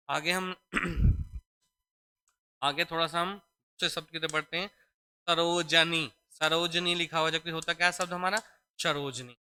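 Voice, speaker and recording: A man with a slightly high, pushed, bright and smooth voice teaches a spelling lesson to prepare students for an exam. He goes step by step, repeats every word, checks in with his students often, and fondly calls them children.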